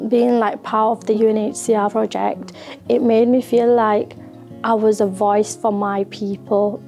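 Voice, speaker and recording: Flat-voiced young woman from Bangladesh. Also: medium pitch, unhurried, gravelly. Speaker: paediatric nurse. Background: soft guitar music.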